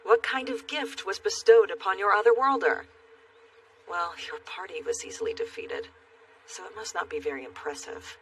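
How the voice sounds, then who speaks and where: An actress playing a stern, judgmental temple priestess, forceful and disapproving, in an anime dub. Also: female voice, mid-range voice, moderate pace, recorded from a distance, noisy background, lightly acted. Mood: stern, scornful.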